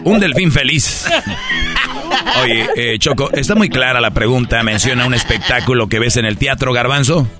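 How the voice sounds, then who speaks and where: A man's voice: medium pitch, over music. A man with a Mexican accent hosting a comedy game show, mocking contestants as he reads the answers. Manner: mocking, brisk. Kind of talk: reading out game results.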